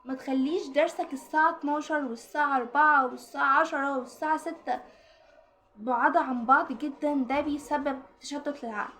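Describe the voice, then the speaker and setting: Fast, high-voiced Egyptian woman giving study advice. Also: fairly bright tone. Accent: Egyptian Arabic. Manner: direct, coaching, talks straight to the viewer. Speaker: study-tips vlogger. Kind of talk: casual advice talk to the camera.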